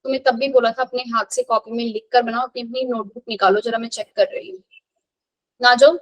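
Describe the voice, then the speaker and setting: Brief: high-pitched woman, brisk classroom chemistry teacher, quizzing and counting aloud. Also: muffled recording. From India. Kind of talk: live classroom revision lesson.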